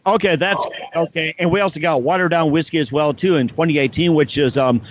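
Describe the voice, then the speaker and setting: A man hosts a casual interview show in a fairly high-pitched voice. He speaks as a radio-style presenter putting questions to a guest. The sound is a bit lo-fi, with some noise behind him. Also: fairly quick. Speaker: talk show host.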